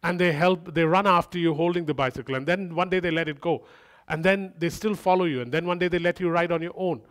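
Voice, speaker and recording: Conversational preacher man, higher voice. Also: fast, fairly bright tone. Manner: conversational preaching with humorous asides and repeated phrases. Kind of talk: sermon.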